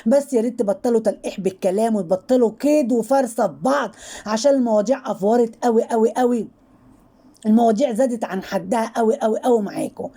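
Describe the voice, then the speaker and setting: This channel host speaks quickly in a warm, fairly high voice with an Egyptian Arabic accent. She gossips about online personalities in a chatty, mocking style, returning again and again to the same filler words.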